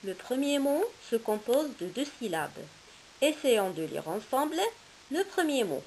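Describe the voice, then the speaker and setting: A woman's voice: a little high, sing-song, unhurried, a little mellow, a little hiss or hum, low-quality recording. A woman teaching a kindergarten reading lesson, patiently sounding out letters and syllables one by one and praising the children.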